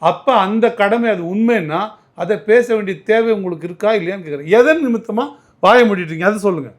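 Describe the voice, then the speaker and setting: A man's voice: high-pitched, expressive, brisk. A man answering as a political commentator in an interview, arguing emphatically and often restarting his words.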